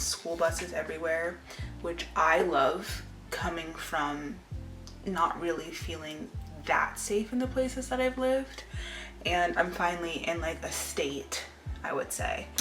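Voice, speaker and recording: Low-pitched young woman chatting casually in a roomy space. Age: 20s. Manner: informal, rambling, confiding. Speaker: lifestyle vlogger. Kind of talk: casual chit-chat to camera. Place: indoor room at home. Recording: roomy echo with music behind. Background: music.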